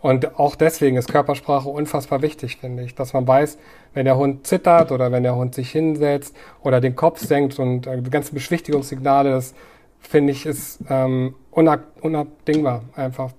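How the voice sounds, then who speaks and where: A man's voice: mid-range voice, steady tone, moderate pace, a little mellow. A man, a dog trainer and podcast guest, explaining his views thoughtfully at length, with fillers and restarts. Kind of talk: conversational podcast interview.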